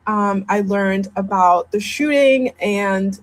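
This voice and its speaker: Hesitant young woman telling a personal story. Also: medium pitch. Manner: halting, hesitant, many ums and restarts. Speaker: social media video poster. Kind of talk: personal video confession.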